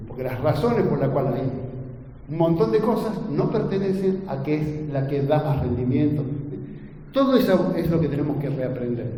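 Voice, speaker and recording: A man's voice: fairly high pitch, warm tone. A man giving an earnest academic lecture on agronomy, often turning to the audience with tag questions. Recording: echoey lecture hall, faint ambient noise.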